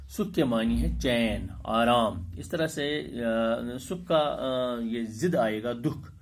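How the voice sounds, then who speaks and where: A male school teacher giving an Urdu lesson, reading aloud and then explaining new words slowly, stressing correct pronunciation with frequent hesitations. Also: mid-range voice, darkish tone, husky. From Kashmir. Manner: slow, deliberate, stresses pronunciation, many filler sounds.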